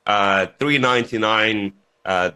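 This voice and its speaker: A man, born in Lithuania and raised in the UK, speaking haltingly as a guest on a radio talk show. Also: lowish voice, pushed and bright, clean tone. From United Kingdom. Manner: halting, restarts often, laughs easily.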